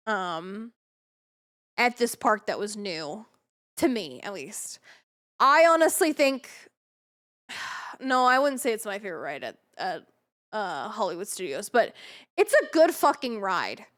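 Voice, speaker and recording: High-pitched, bubbly young-sounding woman streamer. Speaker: variety game streamer. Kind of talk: casual livestream chat.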